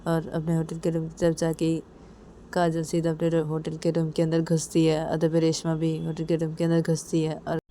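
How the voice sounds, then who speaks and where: A woman tells a romance story in a relaxed, casual way, chaining events with simple repeated phrasing. Her voice sits low and sounds mellow and warm. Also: normal speed, slight background noise. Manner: simple, repetitive phrasing with many linking 'then's.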